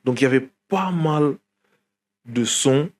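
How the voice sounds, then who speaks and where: A man's voice: medium pitch, takes it slowly. A young man from Guinea, a rapper, talking casually in an interview with many fillers and restarts. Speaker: rapper guest.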